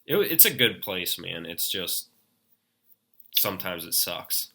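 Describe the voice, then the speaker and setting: A young man in his twenties chats casually as a podcast guest, laid-back and quick to laugh. His voice sits low in pitch. It has a very bright, forceful edge. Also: sing-song, creaky, slightly rough. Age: 20s. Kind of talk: casual chat.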